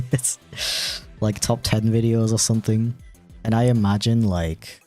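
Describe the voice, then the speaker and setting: A man's voice: fairly low pitch, steady tone, slow pace, a little mellow, faint music behind. A man streaming while he animates, chatting casually and rambling with a self-deprecating tone and lots of fillers. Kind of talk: casual livestream chat.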